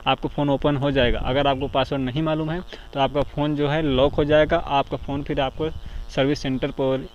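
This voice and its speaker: Flat-voiced man explaining phone steps. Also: medium pitch, a little fast. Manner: steady step-by-step explaining with frequent "theek hai" check-ins. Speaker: tech tutorial host. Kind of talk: screen-recorded phone tutorial. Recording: dull lo-fi voice-over with faint noise.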